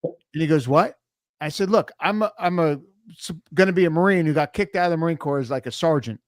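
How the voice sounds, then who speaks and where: Relaxed male podcast host, dry close sound. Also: on the high side, fairly quick, dry recording. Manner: relaxed storyteller, quotes people in his anecdotes. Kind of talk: casual interview chat.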